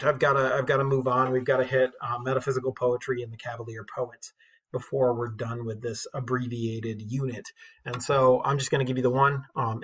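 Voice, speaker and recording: Once again the English teacher's husky voice sits in the middle range with a fairly bright tone. Informal and enthusiastic, he tells his class stories in colloquial language.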